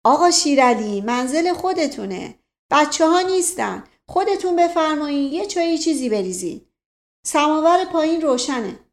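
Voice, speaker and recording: A woman voicing a middle-aged father who calls out in a loud, raised voice. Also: high voice, animated, pitched above the performer's own voice. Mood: calling.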